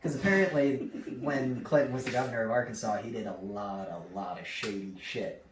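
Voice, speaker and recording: A man's voice: medium pitch, brisk, distant mic, crowd noise. A man co-hosting a podcast, telling casual stories with lots of swearing and laughter. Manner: laughs a lot, swears freely, animated when telling stories. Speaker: podcast co-host. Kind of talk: casual chat, storytelling. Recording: echoey room, voice a bit off-mic, faint noise.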